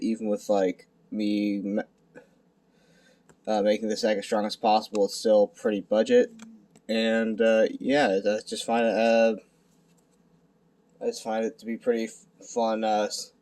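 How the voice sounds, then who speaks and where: With a lowish pitch and a hushed late-night delivery, this young man presents a card game deck profile from home as an amateur hobby video creator. Unscripted and casual, he is halting and self-deprecating, tripping over his words.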